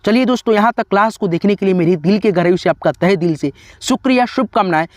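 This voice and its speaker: A man with a high voice teaches Hindi, drilling syllables one after another and speaking straight to his students between them. The recording is dry and close, with no room echo. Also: fast talker. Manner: recites syllables one by one, then explains; repeats each syllable with friendly direct address.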